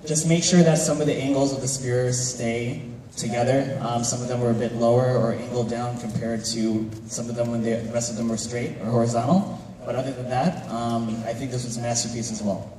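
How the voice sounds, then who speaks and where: A man's voice: medium pitch, fairly even intonation, brisk, a little hiss or hum. A man judging a dance competition, giving live feedback full of fillers and effusive praise. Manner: hesitant with many fillers, warmly effusive praise. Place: large hall at a live competition. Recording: echoey hall from far off.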